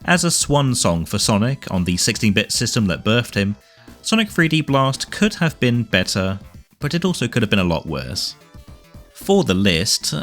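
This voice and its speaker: A video game reviewer with a fairly low, slightly bright voice narrates a scripted game retrospective. He adds wry, dry asides, with music playing behind him.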